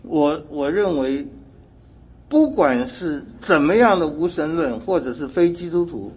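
A man's voice: fairly high pitch, lively intonation, measured pace, a little mellow, breathy edge. A man preaching a sermon in an earnest way, asking rhetorical questions and correcting himself as he goes.

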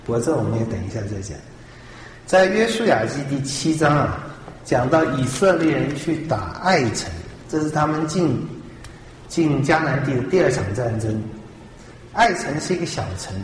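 A man's voice: fairly high pitch, expressive, normal speed, a little hiss or hum. A man preaching a sermon with emphasis, putting rhetorical questions to his listeners. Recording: echoey hall with long reverb.

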